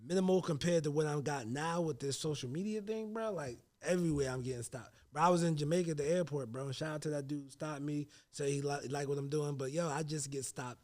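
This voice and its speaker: A man in his late thirties tells stories in a casual podcast chat, full of slang and acted-out quotes. His voice sits a little higher than most men's. He keeps the talk loose and animated. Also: brisk, few pauses. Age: 30s. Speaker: host.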